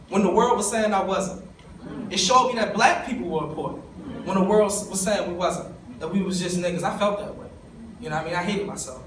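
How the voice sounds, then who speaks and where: This summit talk comes from a young East Baltimore man with a high voice, who tells his life story in an emotional, conversational way directly to listeners. The echoey conference hall leaves his voice sounding far off, with some background noise.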